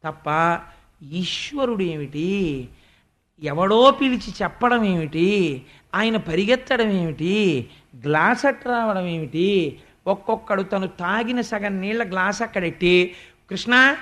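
A man with a high-pitched voice giving a devotional discourse in a lively storytelling manner. He breaks into slow, measured recitation of verses. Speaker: spiritual discourse speaker.

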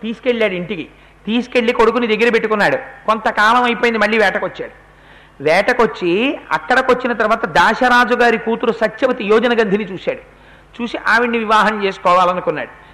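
A man giving a religious discourse who retells an epic story in an animated way and acts out the characters' speech. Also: high-pitched, fairly quick.

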